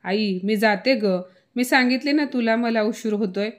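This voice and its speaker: A woman's voice: fairly high pitch, normal speed, close to an everyday voice. A woman voicing a greedy young sister-in-law in a storybook tale. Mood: impatient.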